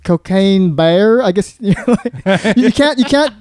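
A man's voice: very high-pitched, normal speed, darkish tone, no room sound, studio quality. A man co-hosting a casual podcast chat, rambling with lots of fillers and frequent laughs. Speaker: podcast co-host.

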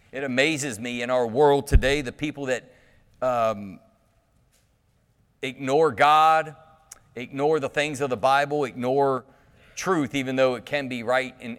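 A man speaks at a pulpit microphone, preaching in a loose, animated and joking way with plenty of restarts. His voice sits a little high for a man. Long reverb from the church sanctuary trails each phrase. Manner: animated and joking, teasing the congregation, with frequent restarts. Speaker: pastor. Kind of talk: casual, conversational preaching.

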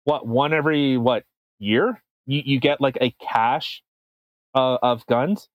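A man's voice: mid-range voice, takes it slowly, no room sound, lo-fi sound. A man co-hosting a podcast, talking in a casual, sarcastic, profane way with frequent restarts. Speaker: podcast co-host. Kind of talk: casual comedic chat.

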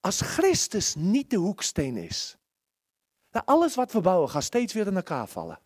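A man preaching a sermon in an earnest, pleading way, often restarting his words and shifting between loud and soft. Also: sits high, huge pitch swings, normal speed, dry recording, clean studio sound. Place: church service, small room.

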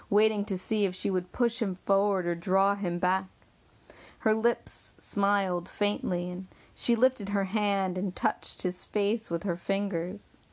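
A woman reads a novel aloud at a measured, steady pace. Her voice has a gravelly creak and a mid-range pitch. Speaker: narrator. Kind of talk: scripted audiobook narration.

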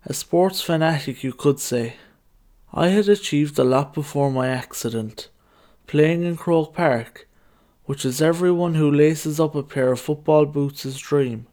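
A young adult man from Ireland with a Kerry accent reads a scripted first-person documentary narration over music, telling his own story. His voice is a little high and a little mellow, and his pace is unhurried.

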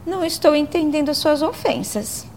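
A woman's voice: high voice, moderate pace, darkish tone. A woman playing a stern, bossy politician's wife, scolding and imperious, in a radio soap opera. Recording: faint background noise.

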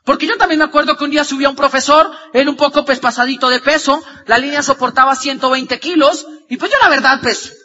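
A man giving an energetic motivational talk, swinging from loud shouts to low murmurs as he acts out dialogue. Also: quick pace, hardly any pauses, big-room sound, muffled recording. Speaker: motivational speaker.

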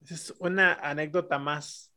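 A man with a Mexican accent spins crude, slang-packed anecdotes in a loose podcast chat. He slips into the voices of the people in his stories. His voice sits a little on the high side. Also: steady tone, moderate pace, pushed and bright. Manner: crude slangy storytelling, acting out voices of others. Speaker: podcast guest storyteller.

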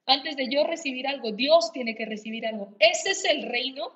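A woman's voice: sits high, moderate pace, fairly bright tone, lo-fi sound. A woman co-pastor preaching a sermon, repeating her points with emphasis.

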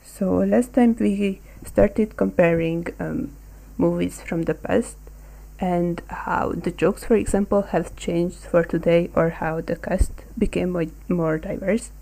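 A woman's voice: on the low side, steady tone, slow, vocal fry, mellow, low-quality recording. A young woman from Hungary co-hosting a casual discussion podcast, talking hesitantly with many ums. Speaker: podcast co-host.

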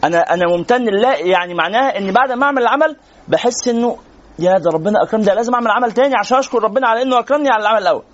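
Fast-talking Egyptian sheikh lecturing. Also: male voice, high-pitched, lo-fi sound. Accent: Egyptian Arabic. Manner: rapid, conversational, answering students' questions. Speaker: sheikh teaching a religious lesson. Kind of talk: religious lecture to a class.

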